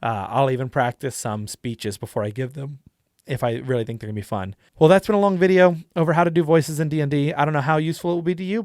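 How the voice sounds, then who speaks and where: A young YouTube host who is also a dungeon master gives a casual tutorial in a mid-range, darkish voice. He's chatty and demonstrative, full of likes and you-knows. The sound is clean studio quality with no room sound.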